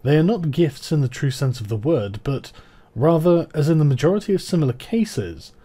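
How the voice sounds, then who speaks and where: Mellow-voiced man reciting formally. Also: on the high side, animated, breathy edge. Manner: measured, formal delivery in short phrases. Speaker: reader of ancient texts. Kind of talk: scripted recitation of historical letters.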